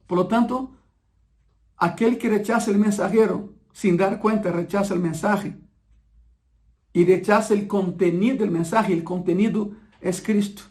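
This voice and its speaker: A man preaching a sermon, emphatic and repeating key phrases slowly so the congregation absorbs them. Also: sits high, steady tone, a little mellow.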